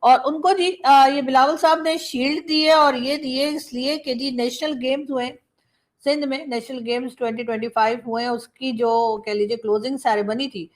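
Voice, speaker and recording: A woman's voice: high-pitched, fairly even intonation, normal speed. Chatty woman giving political commentary.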